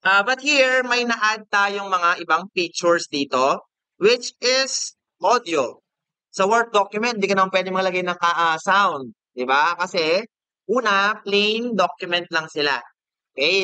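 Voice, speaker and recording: A man with a Filipino accent teaching a screen-recorded software lesson, casual and checking in with the class often. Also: high voice, clear, resonant tone, no room sound.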